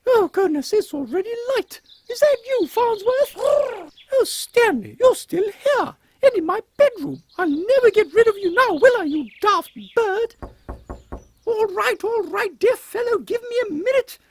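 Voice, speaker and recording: A woman's voice: very high-pitched, lively intonation, a little slow, exaggerated voice. A woman playing an imperious, eccentric elderly British queen with an upper-class accent in a comic audio drama, pompous and exclamatory. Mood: flustered. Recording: faint background noise.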